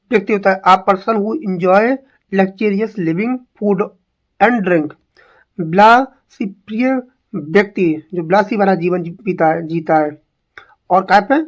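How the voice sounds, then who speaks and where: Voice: mid-range voice, slow pace. An English teacher giving an exam-prep lesson, drilling each word by repeating it and asking rhetorical questions.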